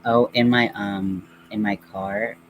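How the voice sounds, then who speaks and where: A man hosting a livestream, chatting casually in a halting, rambling way. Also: lowish voice, steady tone. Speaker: livestream host. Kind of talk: casual chat. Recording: clearly noisy background.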